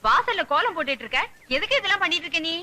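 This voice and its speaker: A woman's voice: very high-pitched, expressive, racing, bright, forceful tone, heavily acted. An actress playing a village mother who questions and reacts emotionally. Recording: film soundtrack, faint music.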